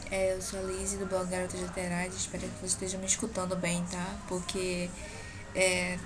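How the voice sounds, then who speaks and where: With a fairly low pitch and a brisk, completely flat delivery, a young Brazilian woman chats about her books on a webcam at close range. She's a book blogger sounding nasal from a cold, filming a casual show-and-tell vlog in her small bedroom and checking in with viewers through constant "tá?" tags. The neighbours' music plays behind her.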